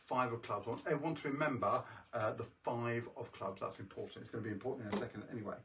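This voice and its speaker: Jokey British magician, distant mic. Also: male voice, medium pitch, fairly even intonation, fast talker, a bit bright, slight background noise. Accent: British English. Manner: jokey kids' party magician patter. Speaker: magician hosting a live online show. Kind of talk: live magic show patter with casual asides to viewers.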